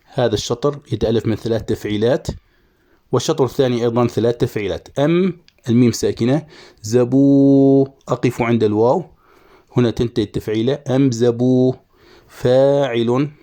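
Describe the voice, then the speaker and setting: Mellow-voiced man teaching poetic meter. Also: medium pitch. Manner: slow deliberate syllable-by-syllable scansion, drawn-out chanting of syllables. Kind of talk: Arabic prosody lesson.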